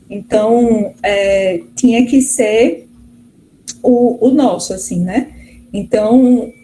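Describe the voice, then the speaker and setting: A woman's voice: fairly high pitch, dark tone, low-quality recording. A middle-aged woman from Brazil, a guest professor answering interview questions in a chatty way, full of fillers and restarts. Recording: faint background noise.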